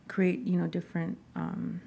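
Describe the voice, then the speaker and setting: A woman's voice: lowish voice, completely flat delivery, moderate pace, gravelly, warm tone, slightly rough. A young woman, a social media creator, chatting casually as an interview guest, trailing off with lots of fillers.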